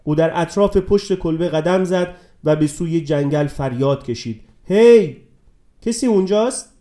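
A man narrating a story aloud in a calm, measured way. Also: fairly high pitch. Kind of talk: audiobook narration.

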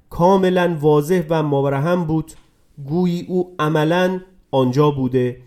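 A man narrating a dramatic story in a scripted reading, dropping to a hush and rising with emotion. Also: fairly high pitch. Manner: dramatic, swings between hushed and raised voice.

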